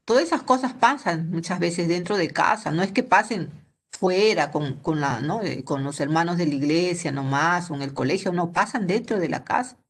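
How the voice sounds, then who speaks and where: A middle-aged Peruvian woman with a husky, fairly low voice teaches a Bible lesson to teenagers over a video call. She speaks at a moderate pace in an animated, chatty way, ending most of her sentences with a questioning "¿no?".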